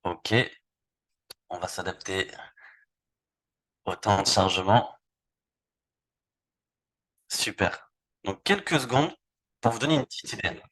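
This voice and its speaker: A man's voice: on the low side, lively intonation, slow pace, long pauses, fairly bright tone. A man from France presenting a live webinar, walking through a website casually and repeating words as he clicks through screens. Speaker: online presenter. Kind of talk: live webinar product demo.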